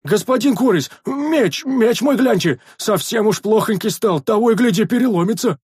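A man voicing a young male sentry in an audiobook, wailing in a high, strained voice. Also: expressive, normal speed, darkish tone, husky, no room sound, clean studio sound, exaggerated voice. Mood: pleading. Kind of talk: audiobook character voice.

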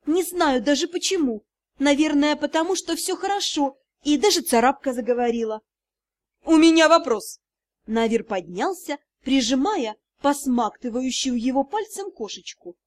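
A woman reads a fantasy audiobook aloud. Her voice is high and very lively, rising and falling all the time. The narration is scripted and expressive. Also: normal speed.

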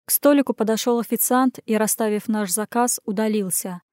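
A woman narrating a first-person story in an even, clear audiobook reading. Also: on the high side, a little fast, no echo, clean studio sound. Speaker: audiobook reader.

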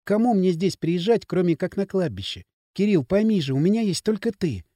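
A lonely young woman, tearful and pleading, voiced by a male narrator. The voice is warm and dark, and its pitch moves a lot. The sound is dry and close. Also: expressive, fairly quick, no room sound.

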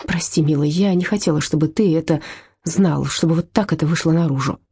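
A woman's voice: deep voice, a little fast, mellow, breathy edge, dry recording, clean studio sound, full character voice. A woman voicing an anxious, loving mother who speaks tenderly and pleadingly to her sons, in a storybook reading.

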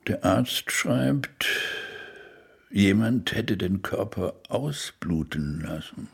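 In a German radio crime drama, a male actor plays a sardonic police investigator who asks pointed, skeptical questions. His gravelly, husky voice sits lowish, and he is animated and exaggerated, drawing out his words.

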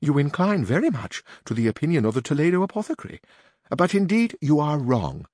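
A man's voice: a little high, big pitch swings, fairly quick, dry recording, clean studio sound. A man reading aloud and voicing a gracious duchess who chides courteously. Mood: chiding. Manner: courteous, gently chiding. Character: gracious noble duchess, teasing.

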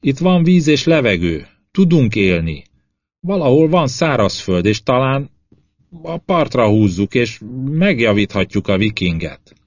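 A man's voice: medium pitch, very animated, few pauses, a little mellow, husky, dry recording, lo-fi sound. A man voicing an eager, optimistic male crewman who blurts things out, in an audiobook. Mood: hopeful.

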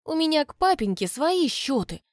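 Woman voicing a headstrong young girl, pitched up, impulsive, close dry read. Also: expressive, measured pace, no echo. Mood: upset, defiant. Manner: emotional, impulsive, tearful. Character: spirited, stubborn young noble girl.

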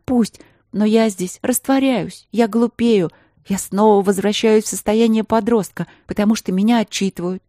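A woman's voice: medium pitch, darkish tone, no echo, clean studio sound, natural voice. Woman voicing a hot-tempered young princess. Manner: emotional, pleading, fervent.

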